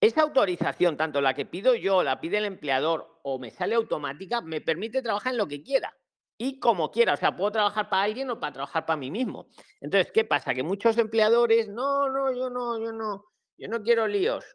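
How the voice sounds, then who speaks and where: Animated man explaining. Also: sits high, brisk. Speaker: host of an online immigration advice session. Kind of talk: live video call Q&A.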